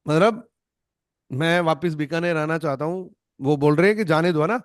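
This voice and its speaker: High-voiced male trainer, dry sound. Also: moderate pace, dry recording. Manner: emphatic, demonstrates tone by repeating lines. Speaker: network marketing trainer. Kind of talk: online training session. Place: online video call.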